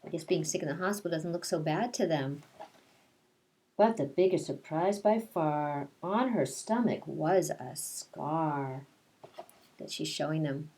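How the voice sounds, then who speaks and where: A woman teacher leads kindergarten story time, reading a picture book aloud and tossing in casual asides that explain things simply for the children. Her voice is low and warm, a little slow, with lively intonation.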